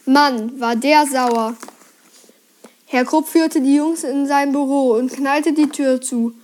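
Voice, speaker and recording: A woman presenting and reading a children's book aloud, in a lively storybook manner. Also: high voice, takes it slowly.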